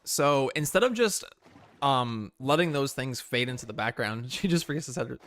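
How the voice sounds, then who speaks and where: A man's voice: mid-range voice, lively intonation, normal speed, fairly bright tone. A man hosting a casual game livestream, chatting loosely with viewers, rambling and correcting himself as he goes. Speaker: livestream host. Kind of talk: casual livestream chat while playing.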